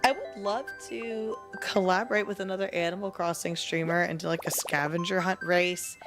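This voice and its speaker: Sick, raspy-voiced woman streamer. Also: lowish voice, steady tone, normal speed, music in the background. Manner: chatty, candid, clears throat often. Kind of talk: casual live-stream chat. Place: at home, near bed.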